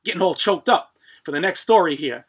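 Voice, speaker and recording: A middle-aged man hosting a live stream, chatting casually and haltingly to viewers, often clearing his throat. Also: high-pitched, expressive, slight background noise. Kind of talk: casual rambling chat to viewers.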